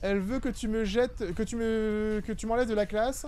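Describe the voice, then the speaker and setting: A man's voice: high voice, fairly even intonation, moderate pace, warm tone, slight background noise. A man casually commentating a game, reading out text and talking slangily to the characters. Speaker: horror game streamer.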